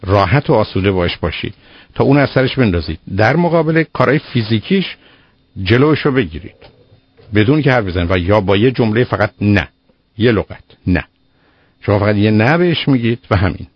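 A man's voice: lowish voice, animated, breathy edge, dry recording. A man giving firm child-rearing advice to a caller on a call-in show, explaining with everyday examples. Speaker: child psychologist answering a caller. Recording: dull lo-fi radio broadcast.

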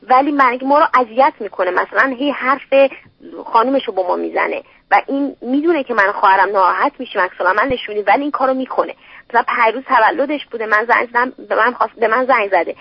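Distressed young woman caller with a gravelly voice. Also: on the high side, no room sound. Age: 20s. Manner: distressed, halting, with many restarts. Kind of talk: call-in phone conversation. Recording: tinny phone line on the radio.

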